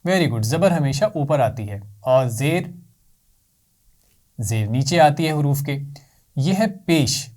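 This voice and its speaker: A man's voice: a little high, a little mellow. Patient man teaching children. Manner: patient, clear, repeats sounds for children to echo. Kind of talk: children's Quran lesson.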